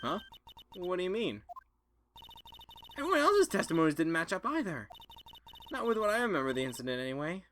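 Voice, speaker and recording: Young policewoman, eager and polite, high-pitched and breathless man in a raised voice. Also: big pitch swings, brisk, long pauses, a bit bright, slight background noise. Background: game music.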